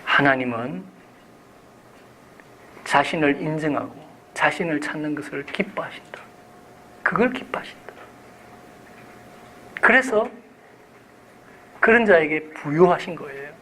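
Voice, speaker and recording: A man's voice: fairly high pitch, expressive, moderate pace, long pauses, a little hiss or hum, rough recording. Dynamic male pastor preaching a sermon. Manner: dynamic preaching, swings from hushed to loud emphasis; asks the congregation questions and answers them.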